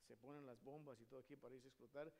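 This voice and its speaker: A male pastor preaching a sermon, asking his congregation questions and moving between loud emphatic lines and quiet hushed ones. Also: mid-range voice, steady tone, very fast. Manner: addresses the congregation with frequent rhetorical questions.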